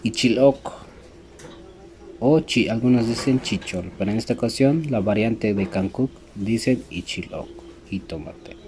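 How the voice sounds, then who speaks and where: A man whose first language is Tseltal, teaching vocabulary slowly and carefully, saying each word, repeating it, then giving its translation. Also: on the low side, mellow, slight background noise.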